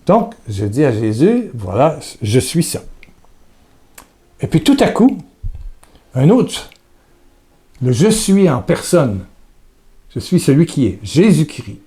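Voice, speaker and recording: Mellow-voiced man giving a hesitant devotional talk. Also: a little high, very animated, slow, pauses often. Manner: hesitant, repeats words, speaks intimately to the listener.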